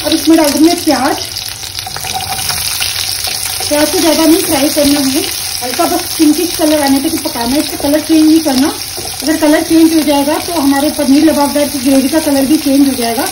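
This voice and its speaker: A woman calmly explaining each step of a recipe while she cooks at her stove at home. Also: sits high, moderate pace, distant mic, noisy background. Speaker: home cooking teacher. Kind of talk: step-by-step cooking instruction.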